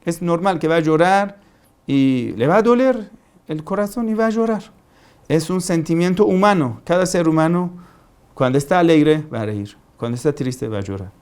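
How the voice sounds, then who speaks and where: A man preaching, his voice sitting a little high for a man. He lectures emphatically, circling back to key phrases and firing rhetorical questions at his listeners. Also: expressive, moderate pace, darkish tone, smooth. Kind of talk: religious lecture.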